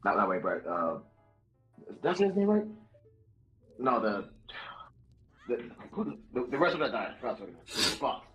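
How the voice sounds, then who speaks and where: Animated, rambling man with music behind him. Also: mid-range voice, moderate pace, long pauses, poor audio. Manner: rambling, repeats himself, swears often. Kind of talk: casual chat on a stream.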